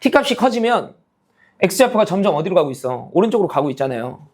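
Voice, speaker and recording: A man teaches math to students in a lively, sing-song voice that rides up and down. He speaks in a relaxed half-casual way and keeps asking whether they follow. His voice sits fairly high for a man. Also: fast talker. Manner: constantly checks understanding with tag questions; calls himself teacher, half-casual speech. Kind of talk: online math lecture.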